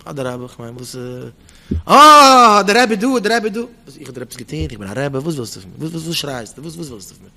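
A man's voice: medium pitch, rapid-fire, vocal fry, hardly any pauses. A man preaching with pointed questions. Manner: repeats pointed rhetorical questions, mixes in English words. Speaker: rabbi giving a Torah talk.

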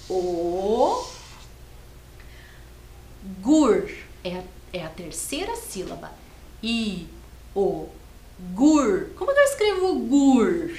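A woman teacher speaks slowly to young children in a bright, lively, sing-song voice, stretching out each syllable. Her voice rings in an echoey room with faint ambience behind it. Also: a little high, a little hiss or hum. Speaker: first-grade teacher. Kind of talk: televised classroom lesson.

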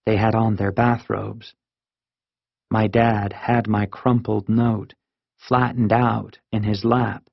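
A man reads a children's novel aloud in a calm, unhurried way. His voice is gravelly and husky, delivered slowly. The recording is dry and close, with a somewhat dull, lo-fi sound. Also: fairly low pitch, dry recording. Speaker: audiobook narrator. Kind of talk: scripted narration.

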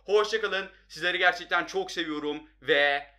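Young man, gaming commentary, high voice, very bright tone, excitable, frustrated. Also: moderate pace. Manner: excitable, frustrated, talks straight to viewers. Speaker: gaming youtuber. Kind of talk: live gameplay commentary.

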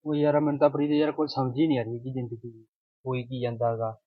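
A man's voice: medium pitch, completely flat delivery, quick pace, no echo, lightly acted. A young man plays a lovesick village lad, mournful and pleading. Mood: grieving. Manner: mournful and pleading, dropping his voice. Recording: tinny phone-like sound.

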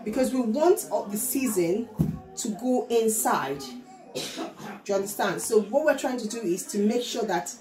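A middle-aged Nigerian woman, a home cook vlogger, chattily explains a cooking demonstration step by step in her home kitchen, often asking "do you understand?" to make sure listeners follow. Her voice is a little high and expressive at a moderate pace, heard over music in an echoey kitchen with children chattering.

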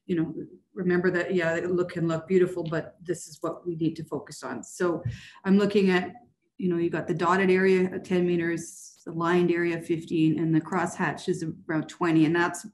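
A woman's voice: lowish voice, little pitch movement, moderate pace. A woman mayor chairing a council meeting over a video call, asking careful clarifying questions. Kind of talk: formal meeting discussion.

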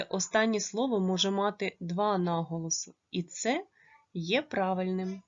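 A woman teacher giving a primary school lesson, pronouncing words slowly and carefully. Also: mid-range voice, muffled recording. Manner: slow, careful pronunciation when modelling words.

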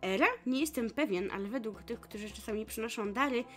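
A woman's voice: a little high, fairly quick, faint music behind, close to an everyday voice. A woman reading an aloof young male temple spirit. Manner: curt, dismissive. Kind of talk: reading a visual novel aloud.

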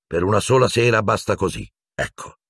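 A man voicing a kind but careful adult wizard teacher in an audiobook, calm and measured. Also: fairly low pitch, vocal fry, breathy edge, dry recording, clean studio sound, voice pushed up, full character voice. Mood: firm. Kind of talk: audiobook character voice.

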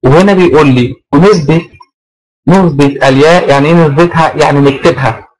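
A man's voice: on the high side, fast talker, poor audio. A man with an Egyptian Arabic accent teaching an online grammar class, repeating key phrases and asking the class rhetorical check-in questions. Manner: voices pupils' questions, then answers them.

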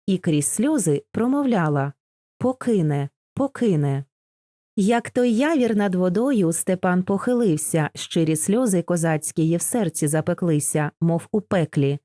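Mellow-voiced woman reading poetry aloud. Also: fairly low pitch, no room sound, studio quality. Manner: measured, expressive storytelling. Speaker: audiobook reader. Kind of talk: poetry audiobook narration.

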